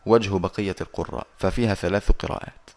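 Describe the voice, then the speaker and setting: A man teaching Quran recitation over a video call, patiently explaining and slowly reciting verses. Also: deep voice, fairly even intonation, a little mellow.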